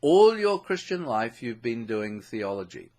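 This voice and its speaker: A man's voice: mid-range voice, sing-song, a little slow, a little mellow. A man with a New Zealand accent giving a scripted, earnest lesson on leading worship, stressing key words. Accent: New Zealand English. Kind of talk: scripted instructional narration.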